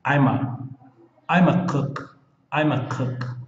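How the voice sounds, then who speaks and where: A man from Brazil teaching English pronunciation, slowly repeating each word many times. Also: mid-range voice. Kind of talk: pronunciation lesson. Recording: dull echoey room, long reverb.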